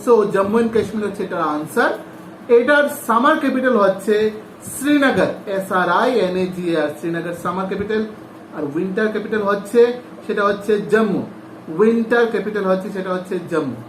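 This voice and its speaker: A male teacher giving a class lesson, who repeats each name, spells it out letter by letter and asks the class questions. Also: high-pitched. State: sweating. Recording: echoey room, faint noise.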